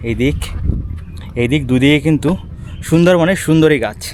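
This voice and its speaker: A man talks viewers through a river village as he walks and rides a boat, pointing things out as he goes. His voice sits a little high. He is recorded outdoors on a handheld camera mic. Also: fairly quick, a little mellow, slight background noise. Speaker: travel vlogger. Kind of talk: walking tour narration.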